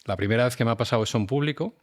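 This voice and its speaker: A man's voice: mid-range voice, racing. A man, a scientist and university lecturer, reflectively telling personal stories as a podcast guest. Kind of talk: casual podcast conversation.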